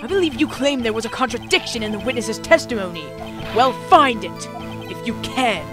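A woman's voice: a little high, lively intonation, fairly quick, pitched below the performer's own voice, lightly acted. A woman voicing an arrogant older male prosecutor, cold and imperious, with a haughty, clipped delivery. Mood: scornful. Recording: game music playing behind.

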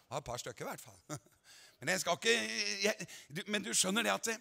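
High-voiced, gravelly preacher in a reverberant hall. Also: male voice, lively intonation. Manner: swings from quiet asides to shouted appeals; voices imagined objectors in quotes. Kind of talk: revival sermon. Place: large meeting hall at a summer convention. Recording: live sermon recording with long hall reverb.

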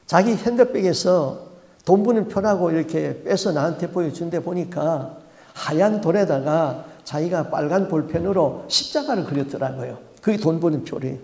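A man's voice: a little high, creaky, darkish tone. A male pastor preaching a sermon, telling a story vividly and acting out the people in it. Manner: vivid storytelling, acts out voices. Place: church sanctuary. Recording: echoey church hall.

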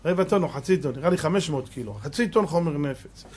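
A middle-aged man, a rabbi giving a Torah lesson to a live audience, animated, full of rhetorical questions, moving between loud exclamations and hushed tones. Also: fairly high pitch, slightly rough. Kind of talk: sermon.

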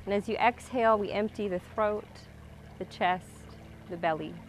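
A woman yoga instructor calmly leading a slow, grounding breath and body awareness exercise in a guided class. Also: mid-range voice, slight background noise, poor audio. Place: outdoor waterside wooden deck.

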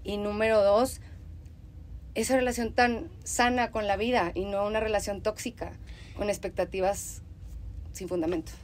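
A young woman with a Mexican accent hosts a relaxed interview at a medium pitch. She talks in an easygoing, conversational way, agreeing readily and laughing often. A faint background noise hangs behind her voice. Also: normal speed. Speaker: host. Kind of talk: casual interview chat.

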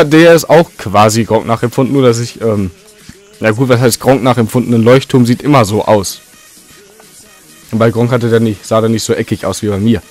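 A young man talks his way through a game in a chatty, rambling commentary at a middling pitch, now and then breaking into a startled yelp. Faint game music runs underneath his voice. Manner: chatty, rambling, jumpy outbursts. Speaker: let's play commentator. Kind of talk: casual gameplay commentary.

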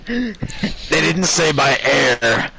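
A man telling crude deadpan jokes in casual gaming voice chat over a headset. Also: on the high side, drawn-out words, creaky. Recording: noisy online voice chat.

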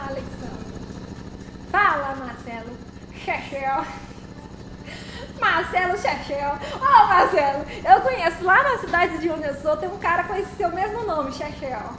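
A woman's voice: extremely high pitch, animated, takes it slowly. A woman, chatting casually with her viewers as a live streamer while gaming, giggling and unable to stay serious. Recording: roomy echo, loud vehicle game noise.

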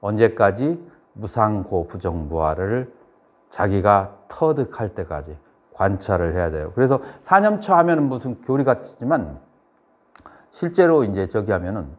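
A middle-aged man, a Buddhist monk lecturing a seminary class, who asks students questions and then answers them, with measured phrasing and pauses. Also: lowish voice. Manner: measured delivery with frequent pauses and "eo" fillers. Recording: dull lo-fi lecture recording.

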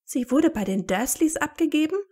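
A woman reading aloud and voicing an excitable, bossy teenage girl witch who exclaims shrilly. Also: a little high, moderate pace, slightly rough. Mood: shrill, astonished.

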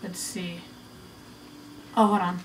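A woman's voice: on the low side, little pitch movement, slow, distant mic, a little hiss or hum, low-quality recording. Chatty woman playing a game. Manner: chatty, teasing, talking to viewers. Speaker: game player. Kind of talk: casual gameplay commentary.

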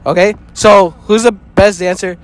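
A man's voice: high voice, fairly even intonation, moderate pace. A young man doing casual public interviews with friends at a graduation, joking and laughing as he asks questions into a handheld phone. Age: young adult. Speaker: street interviewer. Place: outdoors and in a crowded graduation hall.

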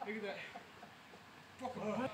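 A man's voice: high voice, measured pace. A man bantering crudely and jokingly with friends outdoors. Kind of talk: casual banter among friends. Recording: clear outdoor noise.

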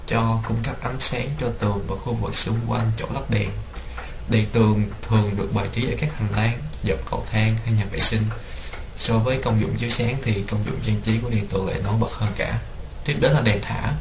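A young man, a student, reading a class report aloud in a steady way. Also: lowish voice. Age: young adult. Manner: steady, read-aloud delivery. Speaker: student presenter. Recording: roomy with clear background noise.

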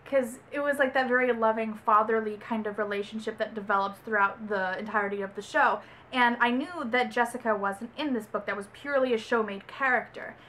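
Chatty young woman with a higher voice. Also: steady tone, a little fast, sharp tone, a little hiss or hum. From Texas. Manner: chatty, rambling, self-correcting. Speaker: book reviewer. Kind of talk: casual book review vlog.

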